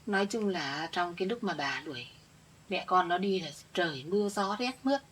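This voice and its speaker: A woman's voice: fairly low pitch, animated, normal speed, a bit bright, breathy edge. A middle-aged woman playing a village woman who earnestly insists she is telling the true story. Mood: sympathetic. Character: older village woman defending her family. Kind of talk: village family drama acting.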